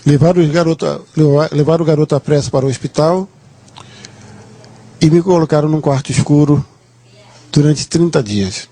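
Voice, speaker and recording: A man recounts his past as a personal testimony, speaking earnestly and often restarting his phrases. His voice sits a little high but sounds dark and warm, with a husky edge. The recording is dry and close. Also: normal speed, long pauses. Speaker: church member giving testimony.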